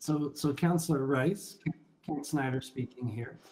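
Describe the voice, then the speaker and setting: A man's voice: mid-range voice, unhurried, a little mellow. A man on city staff answering a councillor at a council meeting, repeating words and using many fillers.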